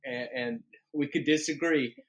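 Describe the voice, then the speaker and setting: A man's voice: mid-range voice, unhurried, a bit bright. A man co-hosting a podcast in easygoing casual chat, thinking aloud as he talks. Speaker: podcast co-host.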